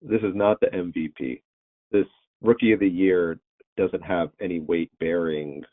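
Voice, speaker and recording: A man joining a sports podcast as a guest reporter, telling stories in an animated way and laughing often, heard over a tinny remote line. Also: low-pitched, a little slow. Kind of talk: casual sports podcast chat.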